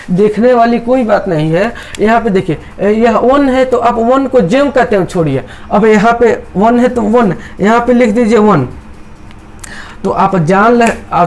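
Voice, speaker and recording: Man, maths teacher, high pitch, repetitive step-by-step explaining. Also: a little mellow. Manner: repetitive, explains step by step, voices students' doubts. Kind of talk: chalkboard maths lesson.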